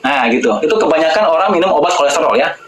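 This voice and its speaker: A man's voice: on the high side, animated, very fast, fairly bright tone, reverberant, slight background noise, poor audio. A man hosting a live-stream health talk, lecturing his viewers directly and repeating key words for emphasis.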